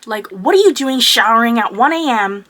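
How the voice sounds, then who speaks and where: A young woman voicing a shrill older woman neighbor who complains and accuses. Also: very animated, moderate pace, fairly bright tone. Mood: accusing. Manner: accusing, raised and indignant.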